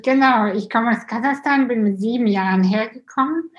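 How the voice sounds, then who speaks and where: A woman's voice: on the high side, moderate pace, lo-fi sound. A woman from Kazakhstan hosting a casual interview and asking personal questions. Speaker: host.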